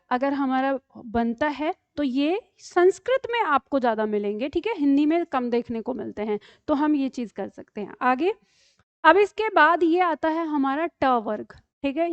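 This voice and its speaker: A woman's voice: high-pitched, dry recording, dull audio. A woman teaching the Hindi syllable chart in an online lesson, patiently reciting each syllable and checking in with learners. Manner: patient, repeats each syllable twice, frequent "theek hai".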